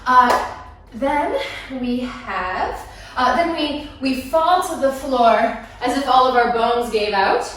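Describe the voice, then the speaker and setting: A woman teaching a dance routine step by step, playful and counting the beats out loud. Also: high-pitched, animated, slow, a little hiss or hum. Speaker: dance instructor. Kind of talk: dance lesson walkthrough. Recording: echoey room, mic far off.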